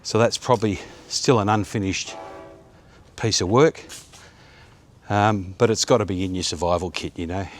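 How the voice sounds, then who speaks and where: A low-pitched Australian man in his fifties chats at normal speed while walking a quiet suburban street on a sunny day. Rambling with lots of fillers, he films on a phone or action camera at arm's length, with slight background noise.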